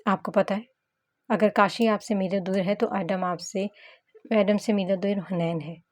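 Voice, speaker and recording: A patient, devoted young man speaks in an earnest, gentle way, as a woman reading the novel gives him voice. His words stay formal and tender. The voice sits in an ordinary middle pitch for a woman reader. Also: fairly even intonation, a little slow, lightly acted.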